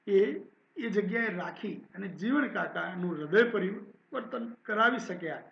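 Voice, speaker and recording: A male college professor reading a literary text aloud in a measured, expressive way and then explaining it as a lecture. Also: fairly high pitch, vocal fry, roomy sound, muffled recording.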